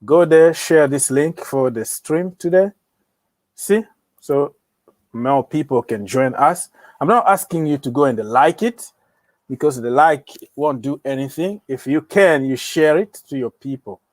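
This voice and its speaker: A man's voice: a little high, animated, a little slow, a little mellow, no echo. A young man hosting a casual football livestream, joking around and talking straight to his viewers. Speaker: livestream host of a football channel.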